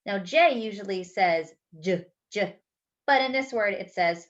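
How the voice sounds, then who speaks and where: A story-time host reads a picture book aloud to young children, pronouncing words with deliberate care and tossing in playful asides. Her voice is medium-pitched and expressive, and the sound is lo-fi.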